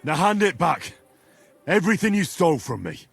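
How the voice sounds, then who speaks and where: Video game: rough young medieval adventurer, cheeky, coarse, slightly high and swinging voice. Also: male voice, very animated, moderate pace, heavily acted. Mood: stern. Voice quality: colloquial, coarse speech. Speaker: game protagonist.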